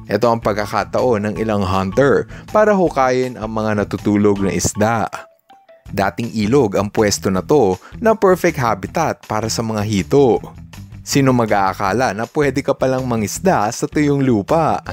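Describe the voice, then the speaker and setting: A man, hosting and narrating scripted voice-over, upbeat and mixing English asides into his commentary. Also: fairly low pitch. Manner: upbeat, with Taglish asides and reactions. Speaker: host.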